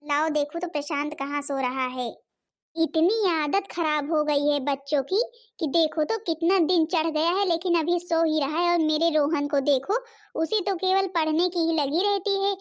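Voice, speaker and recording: A woman's voice: high voice, fairly even intonation, normal speed, close to an everyday voice. A woman voicing a stingy, bossy young stepmother who scolds and complains in a cartoon. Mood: scolding. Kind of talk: cartoon voice acting.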